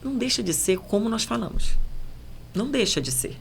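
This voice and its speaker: A woman journalist with a Paraense Brazilian accent, speaking as a podcast guest in a measured, emphatic, explanatory way. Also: a little high, expressive, gravelly, slight background noise. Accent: Paraense Brazilian Portuguese. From Belém, Pará, Brazil. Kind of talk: podcast conversation.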